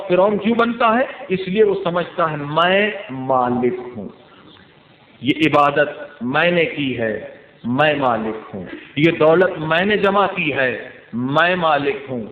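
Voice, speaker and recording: A man preaching a sermon, speaking rhetorically and repeating his phrases for emphasis. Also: fairly high pitch. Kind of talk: Urdu sermon. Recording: echoey, tinny old lecture tape.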